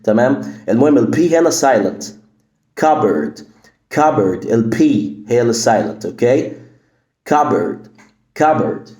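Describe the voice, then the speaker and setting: Lively Egyptian man teaching English words. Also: mid-range voice. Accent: Egyptian Arabic. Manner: repeats words slowly and clearly. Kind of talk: English pronunciation lesson. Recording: echoey room.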